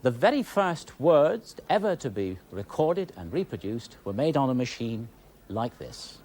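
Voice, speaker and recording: A British-accented TV presenter explains things in documentary style, his medium-pitched voice very animated and a little slow. Background noise is audible.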